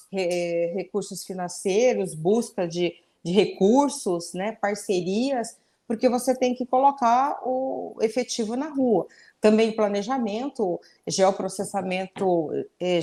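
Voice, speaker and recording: A woman's voice: medium pitch, darkish tone. Earnest Brazilian woman in her fifties. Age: 50s. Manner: earnest, with frequent "né?" tags and restarts. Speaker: mayoral candidate. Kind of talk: interview answers.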